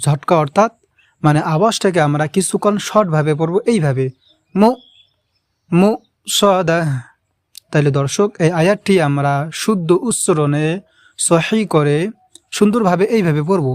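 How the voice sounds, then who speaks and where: A man with a slightly high, brisk voice teaches Quran recitation one step at a time, patiently repeating and stretching out each word. It's a step-by-step pronunciation lesson, recorded with no room sound.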